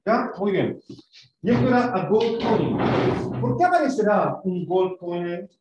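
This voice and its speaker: A man's voice: sits high, very animated, slow, background noise. Male teacher in an echoey classroom. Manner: explains patiently, models pronunciation, quizzes pupils. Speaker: English teacher. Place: school classroom. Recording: echoey classroom, far from mic, dull.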